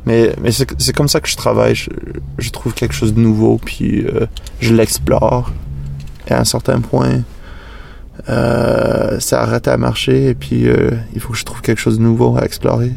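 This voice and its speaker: A man, a native English speaker with a foreign accent in French, chatting in an interview and haltingly searching for words. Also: mid-range voice, little pitch movement, gravelly, darkish tone, a little hiss or hum. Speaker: musician being interviewed. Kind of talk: casual interview chat.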